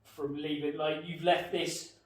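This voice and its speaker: A man's voice: a little high, level tone, measured pace. A man hosting an interview, supportive and prompting with short acknowledgements. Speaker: interviewer host. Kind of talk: conversational interview. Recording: echoey room, mic at a distance.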